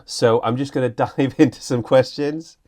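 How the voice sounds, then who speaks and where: A man's voice: medium pitch, fairly even intonation, a little mellow. Enthusiastic male podcast host. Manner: enthusiastic, quick to react and laugh. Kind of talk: casual chat.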